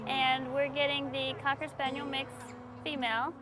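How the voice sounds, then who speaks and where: A woman's voice: sits high, little pitch movement, moderate pace, music in the background, poor audio. A woman from Texas, interviewed as she adopts a dog, apologizing and fighting back tears as she talks. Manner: tearful, apologetic, laughing through emotion. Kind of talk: emotional interview.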